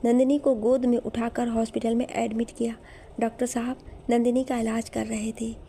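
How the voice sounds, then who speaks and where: A woman narrating an emotional story in a gentle, measured way. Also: on the high side, flat delivery, a little hiss or hum.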